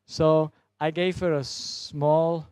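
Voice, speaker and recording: A middle-aged man whose first language is German gives a sermon-style talk, telling a story from his work as a doctor. His English is earnest and sometimes broken. His voice sits a little high for a man, and it sounds close and dry. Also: level tone, slow pace, a little mellow, clean tone, dry recording. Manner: non-native English, some broken grammar. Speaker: doctor and speaker.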